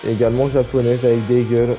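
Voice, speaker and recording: A man's voice: medium pitch, little pitch movement, fast, mellow, soft background music. A man commentating a wrestling game casually, rambling and joking with many fillers.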